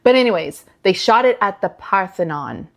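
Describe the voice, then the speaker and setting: A woman's voice: medium pitch, expressive, moderate pace. A middle-aged woman co-hosting a music podcast in casual chat, teasing her partner and laughing often. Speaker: podcast co-host. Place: living room.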